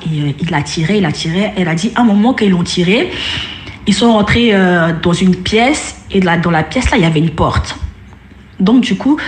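Low-voiced woman telling a story, hesitant. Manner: hesitant, many fillers and restarts. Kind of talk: casual spoken storytelling. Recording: roomy echo.

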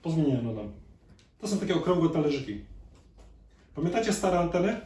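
A man's voice: a little high, very animated, fairly quick, warm tone. A man giving a conversational live lecture to an audience as a chiropractor, often putting questions to the listeners. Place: lecture hall. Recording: echoey hall, distant mic, faint noise.

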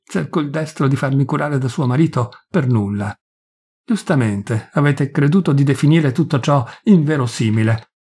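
A man's voice: mid-range voice, darkish tone, slightly rough. A man doing a poor, ashamed village priest. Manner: pleading, tormented, self-accusing.

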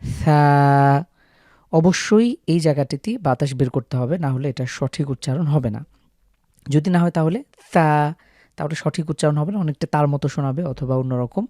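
A man's voice: on the high side, a little fast, warm tone, no echo, studio quality. A man teaching how to pronounce Arabic letters, explaining patiently step by step to viewers. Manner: patient, step-by-step, stretches out the sample letter sounds. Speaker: Quran recitation teacher.

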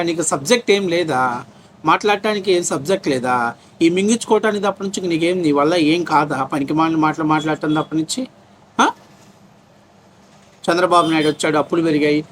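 A man from Pradesh, ranting in political commentary with a scornful, mocking, name-calling manner. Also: on the high side. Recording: faint background noise.

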